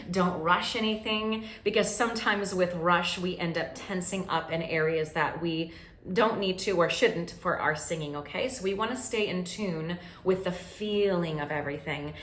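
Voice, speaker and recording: A woman vocal coach leading a warm-up lesson, encouraging and checking in with "okay?" as she goes. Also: on the low side. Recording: roomy echo with faint ambient noise.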